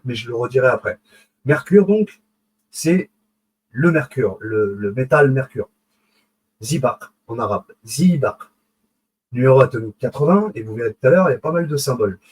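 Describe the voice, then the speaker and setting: A man's voice: medium pitch, slightly rough, rough recording. A man giving a casual live lecture, digressing, correcting himself, and checking in with his listeners as he goes. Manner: digressive, self-correcting, many fillers and restarts. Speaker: online lecturer on esoteric symbolism.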